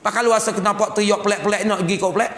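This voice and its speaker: A man with a Patani Malay accent teaching a religious text in a mosque, lively and joking as he acts out scenes of home life. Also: high voice, racing. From southern Thailand. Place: mosque hall. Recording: echoey hall with long reverb.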